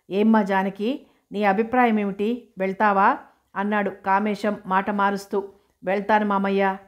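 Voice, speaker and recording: A woman reading a novel aloud as an audiobook narrator, in a steady, even manner. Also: mid-range voice.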